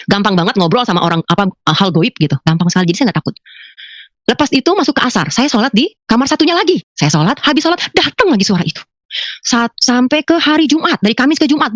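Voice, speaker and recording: A middle-aged woman giving a personal faith testimony, telling her story with lively storytelling and addressing listeners as brothers and sisters. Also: dry recording, studio quality. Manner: animated storytelling, acting out her own quoted lines in a high voice. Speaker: testimony speaker.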